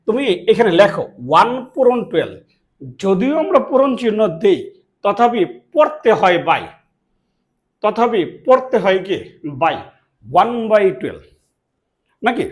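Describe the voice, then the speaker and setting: A man's voice: high voice, lively intonation, measured pace, pauses often. A man from Bangladesh, teaching a classroom math lesson, asking questions and answering them himself. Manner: asks and answers his own questions, repeats key words.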